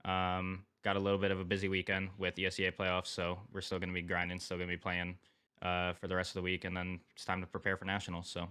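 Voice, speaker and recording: A young man with a low, smooth voice that still sounds distinctly nasal, like a plugged nose. His tone is bright and forward as he talks casually in a post-match interview as an esports player. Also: monotone, fast. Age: young adult.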